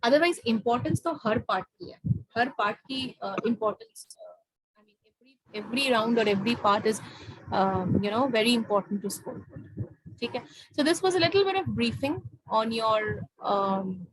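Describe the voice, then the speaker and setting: A woman's voice: fairly high pitch, animated, takes it slowly, slightly rough, poor audio. A woman with an Indian accent tutoring over a video call, mixing Hindi and English and often checking that her student has understood. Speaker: IELTS speaking tutor.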